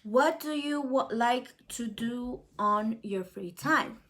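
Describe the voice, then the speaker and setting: A Salvadoran woman in her twenties chats casually with her viewers in a Q&A vlog, using lots of fillers and addressing them directly as "you guys." Her voice sits a little high and sounds a bit bright, and she speaks at a slow pace.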